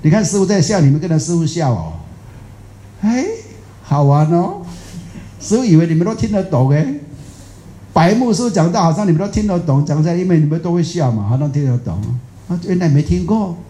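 A man with a Taiwanese Mandarin accent gives a rambling, folksy Buddhist dharma talk, often stopping to question his listeners. His voice is very dark and mellow. It carries an echo from the room. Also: a little high, expressive, brisk. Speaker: Buddhist teacher. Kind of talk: dharma talk to a live audience.

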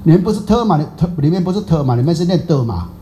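A man's voice: fairly high pitch, expressive, rapid-fire, warm tone. A man teaching a Buddhist class in a chatty, teasing way, quizzing his listeners. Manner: chatty, teasing, asks the audience questions. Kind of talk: Dharma talk to a class.

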